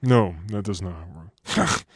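A man co-hosting a casual chat, his voice made unnaturally deep by breathing a heavy gas, joking and playful in his banter. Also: lively intonation, takes it slowly, breathy edge, no room sound, clean studio sound. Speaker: co-host.

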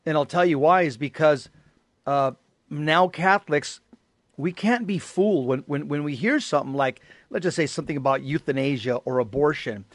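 A man's voice: a little high, normal speed, dry recording. A man co-hosting a talk show, explaining his point earnestly with some fillers. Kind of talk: casual talk show chat.

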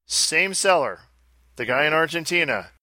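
A man with a slightly high, bright voice co-hosts casually. He moves between reading out listings and offhand comment. The sound is very dry. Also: expressive, moderate pace, no room sound. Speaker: podcast co-host.

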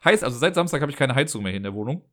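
A man's voice: mid-range voice, expressive, very fast, fairly bright tone. A man telling a story in a chatty, exasperated rant from his living room, often tagging his sentences with a questioning "ne?".

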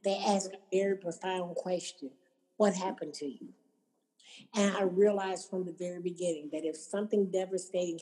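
Woman, mellow low-bright voice, personal testimony, storytelling with quoted voices. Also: poor audio. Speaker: speaker telling her recovery story.

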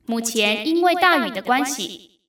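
A woman teacher reading flight notices as a female airport announcer, in a formal, measured way, as if over an airport intercom. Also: on the high side, expressive, fairly bright tone. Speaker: Chinese teacher. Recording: roomy, distant-miked echo.

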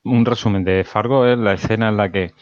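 A man's voice: fairly low pitch, fairly even intonation, a little fast, a little mellow, no echo, muffled recording. A man, talking about films in a laid-back, hesitant way with many fillers. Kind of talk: casual film discussion.

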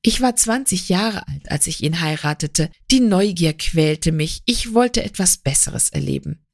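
A woman reading the part of a remorseful young wife, confessing in a slow, earnest, pleading way. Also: fairly low pitch, expressive, vocal fry, dry recording, studio quality, full character voice. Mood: anguished.

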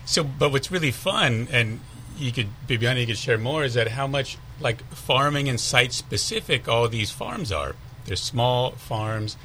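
Male winemaker guest, mid pitch, bright, casual, loose phrasing. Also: normal speed, a little hiss or hum. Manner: relaxed, searching for words. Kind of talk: radio interview.

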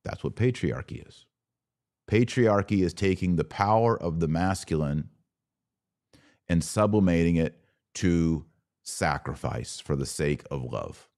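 Acting as podcast host and commentator, a man speaks in a low, slightly mellow voice with lively intonation. He addresses listeners conversationally yet didactically and emphatically, pausing on purpose to make his points land.

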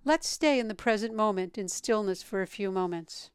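Calm, meditative woman with very smooth, clear voice. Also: medium pitch, normal speed, no echo, studio quality. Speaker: meditation teacher. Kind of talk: guided meditation instruction.

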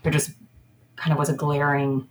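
A woman's voice: low-pitched, little pitch movement, moderate pace, a little hiss or hum. A woman joining a podcast as a guest over a remote call on children's headphones, talking casually with lots of fillers. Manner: chatty, uses fillers like 'like' and 'you know'. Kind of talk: casual interview chat.

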